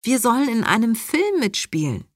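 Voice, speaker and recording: A woman's voice: a little high, big pitch swings, normal speed, no echo, voice pushed up. A woman voicing a sensible teenage son, speaking in a slightly raised, exasperated tone.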